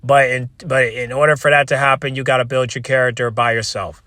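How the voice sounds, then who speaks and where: Exasperated man ranting in a bright, forceful voice. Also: mid-range voice, flat delivery, no echo. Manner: exasperated, repetitive, halting restarts; swears freely. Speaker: wrestling commentary video creator. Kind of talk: casual opinionated rant to viewers.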